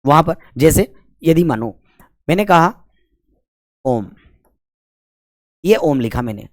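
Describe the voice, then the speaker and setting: A man's voice: on the high side, dry recording, studio quality. A man teaching grammar for exam prep. He asks questions, answers them himself and stretches out the vowel sounds. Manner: chatty, with jokes between the rules.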